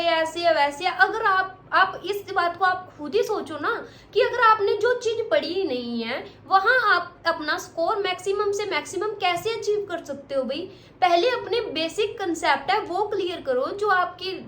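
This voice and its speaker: A woman's voice: extremely high pitch, a bit bright. A woman coaching exam students, talking directly and scolding them while repeating her points. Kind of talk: motivational study advice to students. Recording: echoey room with faint ambience.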